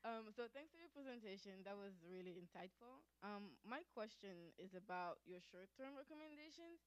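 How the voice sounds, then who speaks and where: A woman's voice: mid-range voice, animated, normal speed, clean tone, rough recording. A young woman from Senegal standing in a conference room audience with a handheld mic, asking a polite, thoughtful question with many fillers.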